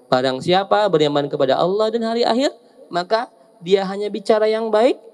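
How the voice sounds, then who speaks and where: A male preacher, giving a lively, joking sermon to a seated audience and often teasing them. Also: high-pitched, a little fast, clean tone. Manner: joking, teasing the audience with asides and acted quotes.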